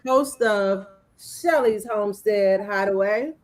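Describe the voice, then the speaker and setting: A woman's voice: medium pitch, slow, darkish tone. A woman co-hosting a casual live gardening chat, introducing herself in an easygoing way. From Maryland. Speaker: co-host, homestead channel host.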